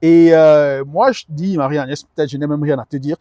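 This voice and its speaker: Earnest and fairly even in intonation, a middle-aged guest advisor speaks at normal speed in a conversational interview, often repeating words as he searches for the next. His voice is on the high side with a dark tone. No room sound is present.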